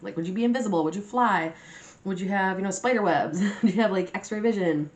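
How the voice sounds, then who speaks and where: A woman's voice: mid-range voice, fairly quick. A woman hosting a mukbang, chatting casually and slangily to viewers as she eats. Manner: eating messily while talking, mukbang style; sweary, slangy storytelling with acted-out quotes. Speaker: mukbang video host. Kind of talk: casual chat to viewers while eating.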